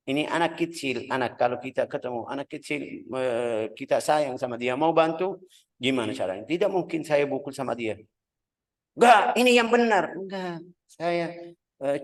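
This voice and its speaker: A man's voice: mid-range voice, rough recording. A man from Yemen, teaching a religious lesson on the Prophet's life. He searches for words with many filler sounds and acts out calls and dialogue as he tells the story. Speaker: Islamic studies teacher.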